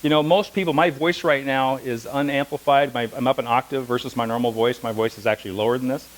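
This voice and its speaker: A middle-aged massage instructor lectures a class without a microphone, mixing conversational teaching with anecdotes and asides. He speaks fast in a steady, medium-pitched voice, captured on a low-quality recording.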